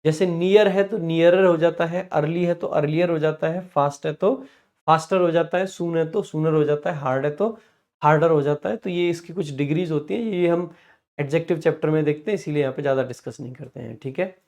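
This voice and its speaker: Slightly high-voiced teacher. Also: male voice, darkish tone. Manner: explanatory, frequent "ठीक है" check-ins, reads example lists slowly. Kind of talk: grammar revision lecture.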